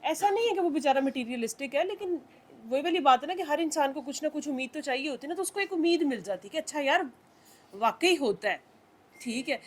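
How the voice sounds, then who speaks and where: High-voiced woman coaching, always checking in. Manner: instructive, checks in with "theek hai?" constantly. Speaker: spiritual group leader. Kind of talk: coaching in a group session.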